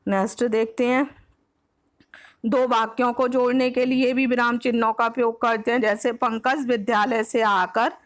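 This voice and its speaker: A woman's voice: on the high side, little pitch movement, normal speed. A woman teacher with a Hindi accent from Uttar Pradesh, explaining grammar for an exam-prep lesson, patiently repeating each point and slipping English words into her Hindi. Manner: mixes English words like next and example into Hindi.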